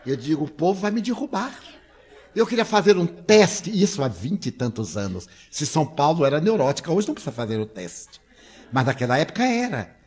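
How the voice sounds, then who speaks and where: An older man tells humorous anecdotes to an audience and laughs often as he talks. His voice is husky and slightly high for a man. His pitch swings widely from line to line. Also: fairly quick. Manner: animated, laughing while telling. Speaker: lecturer.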